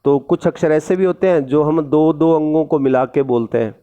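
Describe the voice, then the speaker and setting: A man's voice: a little high, moderate pace, warm tone, smooth. A man teaching a school lesson, reading formal lines and then explaining them simply, often checking in with his listeners. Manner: reads formal text, then explains it in simple chatty words with tag questions. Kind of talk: classroom lesson.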